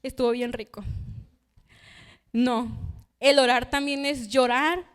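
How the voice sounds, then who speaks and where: A woman's voice: high-pitched, fairly even intonation, slow, clear, resonant tone. A young woman preaching a sermon in church, telling a personal story and acting out the voices she quotes. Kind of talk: youth sermon.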